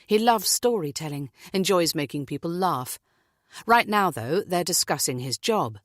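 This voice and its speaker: A woman narrating a mystery audiobook, reading in an even, descriptive way. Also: lowish voice, normal speed, no room sound, studio quality. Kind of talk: scripted narration.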